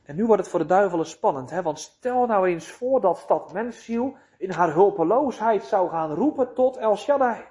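A man preaching a sermon in a deliberate, emphatic way, with rhetorical questions to his listeners. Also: sits high, expressive, darkish tone.

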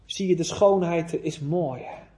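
A male preacher delivering a sermon in an unhurried, emphatic way. His fairly high voice has a mellow, dark tone, and he swings between loud outbursts and near-murmurs while posing rhetorical questions. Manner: emphatic, with big swings in loudness and pitch.

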